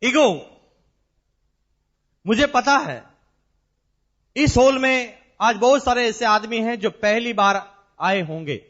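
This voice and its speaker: A man speaking as a motivational business seminar speaker in a large hall, emphatic and repetitive, with rhetorical questions and drawn-out stresses. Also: extremely high pitch, fairly bright tone, lo-fi sound.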